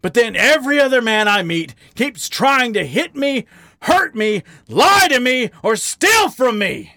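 A male reader performs a raw, bitter badger pouring out his heartache, his voice climbing high and swinging wide between pleading and ragged outbursts with gravelly grit. The delivery is very animated yet unhurried, pushed and bright, a full character voice full of anguish. The sound is dry and close, with no room around it.

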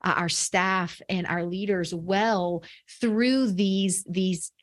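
A woman's voice: medium pitch, steady tone, slow pace. Upbeat woman podcast co-host. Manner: upbeat, interviewer framing questions, many fillers. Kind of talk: casual podcast conversation.

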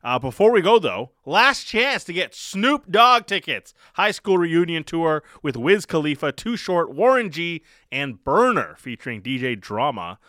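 A male radio host delivers a contest promo with punchy, lively swings in pitch. His voice is bright and slightly high, and he announces like a sports radio regular handing out prizes. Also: unhurried, few pauses, no room sound, studio quality.

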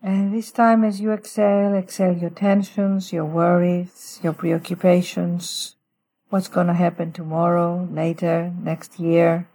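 Woman gently leading a slow guided meditation. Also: on the low side, level tone, rough recording. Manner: gentle, unhurried instructions with long pauses. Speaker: guest author leading a guided breathing meditation. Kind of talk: slow, soothing guided meditation, like a sleep story narrator.

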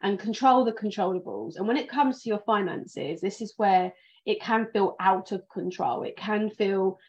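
A woman's voice: mid-range voice, moderate pace, a little mellow. A British woman with a southern English accent talks in a rambling, casual way, full of ums and restarts. She sounds a little sleepy. The recording is slightly dull and lo-fi. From England. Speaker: podcast host, financial planner. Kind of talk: casual livestream chat.

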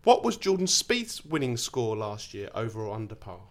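A man's voice: on the low side, big pitch swings, moderate pace. A man with an Essex accent, chatting casually and jokily as he hosts a podcast quiz. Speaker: quiz host.

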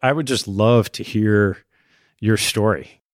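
A man hosting a podcast, reading a measured, scripted introduction and asking interview questions. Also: on the low side, no echo, clean studio sound. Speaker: podcast host.

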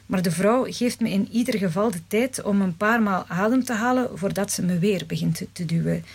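A woman reading a first-person story aloud in a measured, dramatic way. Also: medium pitch, creaky, husky. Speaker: narrator.

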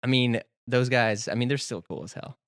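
A man's voice: mid-range voice, normal speed, no echo, studio quality. A man hosting a casual interview, friendly and affirming, laughing along with his guest. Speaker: podcast host.

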